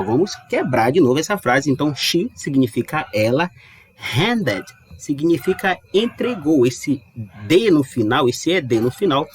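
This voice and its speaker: A man teaching English in a casual, chatty way, slowing down to model pronunciation. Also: on the high side, breathy edge. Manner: lively, chatty, stretches English words slowly to model pronunciation. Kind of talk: casual explanatory lesson. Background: dog barking outside.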